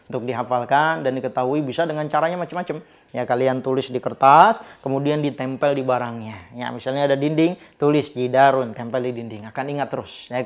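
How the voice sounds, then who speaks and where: A man with an Indonesian accent teaching Arabic words on a children's TV program, speaking slowly and repeating himself with many small "ya" fillers. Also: mid-range voice. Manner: repetitive, many filler "ya", drawn-out Arabic examples. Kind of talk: slow, patient TV lesson for children.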